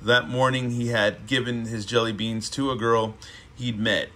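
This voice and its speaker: Casual host reading kids' book, bright forceful tone. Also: male voice, mid-range voice, flat delivery, normal speed. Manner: laid-back, chatty asides.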